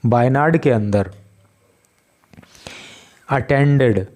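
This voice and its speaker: A man from India teaches English vocabulary in Hindi, explaining newspaper words one by one. His voice is medium-pitched and a little mellow, and his delivery is slow and patient.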